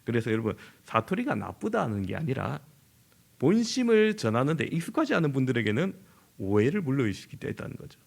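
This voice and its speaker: Man, middle-aged, from southern Korea, senior pastor, sermon, gravelly voice, very expressive pitch. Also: fairly quick. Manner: animated, acts out everyday dialogue in lively voices.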